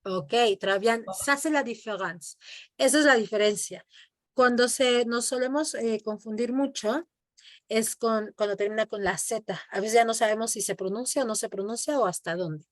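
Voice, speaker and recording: A woman's voice: fairly high pitch, normal speed, dry recording, studio quality. A woman teaching French in an online class, explaining patiently and modeling words for her student to repeat. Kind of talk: online language lesson, explaining in Spanish and French.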